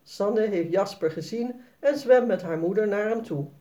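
A woman narrating a children's story read aloud in a clear storytelling manner. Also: medium pitch, normal speed, dark tone, highs cut off.

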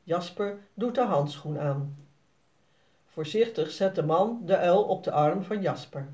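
A narrator reading a children's story aloud, slowly and expressively. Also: medium pitch, darkish tone.

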